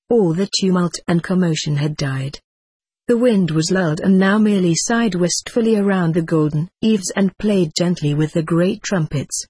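A man's voice: high-pitched, a little mellow, breathy edge, no echo. A man reading a first-person adventure story aloud with dramatic expression. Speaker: audiobook narrator.

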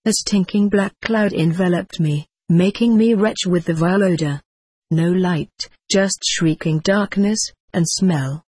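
A man's voice: high voice, a little slow, a little mellow, slightly rough, no echo. A man reading a first-person adventure story aloud with dramatic expression. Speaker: audiobook narrator.

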